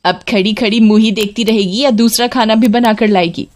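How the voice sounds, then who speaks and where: A woman voicing a cruel middle-aged mother-in-law who scolds in a harsh, drawn-out way in a storybook tale. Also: on the high side, steady tone, lightly acted. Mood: scolding.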